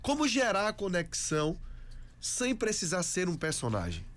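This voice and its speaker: High-voiced male radio host asking questions. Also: wildly swooping pitch, moderate pace, fairly bright tone. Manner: asks long framed questions with quoted examples. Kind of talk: radio interview.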